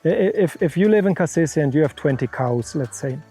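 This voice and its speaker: A man's voice: a little high, animated, brisk, dark tone, husky, faint music behind. A middle-aged man from Europe, founder of a conservation center, answering interview questions frankly and laying out worked examples.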